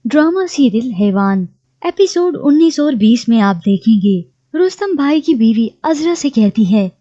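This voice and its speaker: A woman narrating a recap of a TV drama in a steady storytelling read. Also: a little high, a little slow, lo-fi sound.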